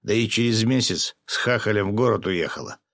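A man's voice: on the low side, fairly quick, a bit bright, dry recording. A man voicing a mocking male companion in an audiobook, making dry, snickering remarks. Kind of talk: audiobook character voice.

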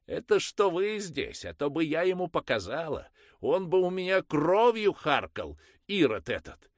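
A man doing a shrill furious peasant mother. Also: sing-song, a little slow, no echo, clean studio sound. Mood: ranting. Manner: screeching, ranting. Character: shrill angry peasant mother, harsh and pious.

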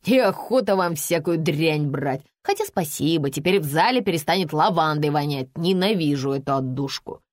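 A stern café owner, scolding and contemptuous, loud and drawn-out in her complaints, as a woman narrator puts her on. Her voice is dry and close in this storybook reading. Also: deep voice, expressive, no room sound. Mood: scornful.

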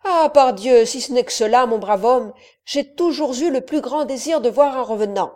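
A woman's voice: a little high, expressive, moderate pace, dark tone. A woman reading an audiobook, voicing a proud and curious nobleman who speaks eagerly and emphatically. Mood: bold, curious.

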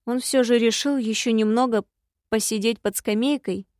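Brief: woman narrator, first-person audiobook, fairly high voice, dry close sound. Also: fairly even intonation, moderate pace, darkish tone, no echo.

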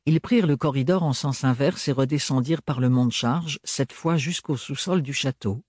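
A man reading a novel aloud as an audiobook in a measured, expressive storytelling manner. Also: medium pitch, no echo, studio quality. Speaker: audiobook reader. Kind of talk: scripted audiobook narration.

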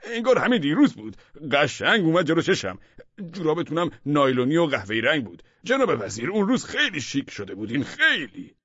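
A man voicing a fawning, flattering male deputy minister who talks in a raised, excited way. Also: fairly low pitch, no room sound, muffled recording.

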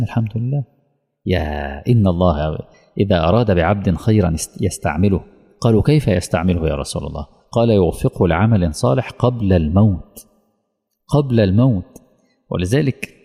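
A man's voice: lowish voice, creaky, dark tone, husky. A man with an Egyptian Arabic accent delivering an emotional, pleading sermon as a preacher. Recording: long hall reverb.

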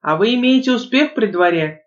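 Audiobook: woman narrator voicing a sarcastic young man, teasing and snide, higher register, muffled lo-fi sound. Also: animated, a little fast.

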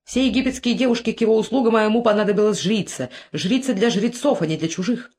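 A reader voicing a young Greek man who is jealous and furious, shouting threats in an audiobook. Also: medium pitch, quick pace, slight background noise, pitched above the performer's own voice, natural voice. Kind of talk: audiobook character voice.

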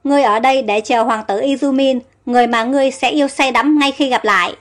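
A woman voicing a calm, mocking old sorceress in an audio storybook. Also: high-pitched, quick pace, lightly acted. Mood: taunting. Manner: cool, taunting, chuckling. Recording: faint music underneath.

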